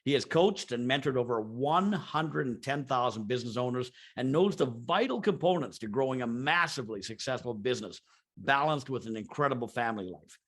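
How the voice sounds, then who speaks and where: A man in the host seat, reading a scripted introduction in a formal, announcing manner. His voice sits at an ordinary middle pitch, and he speaks over a video call. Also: lively intonation, brisk, fairly bright tone.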